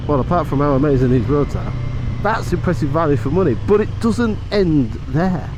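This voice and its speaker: A man's voice: a little high, animated, fairly quick. A man giving chatty motovlog commentary while riding, thinking aloud and asking rhetorical questions, with wind on the mic. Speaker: motorcycle reviewer. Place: outdoors, riding a motorcycle on the road. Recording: loud wind and engine noise on mic.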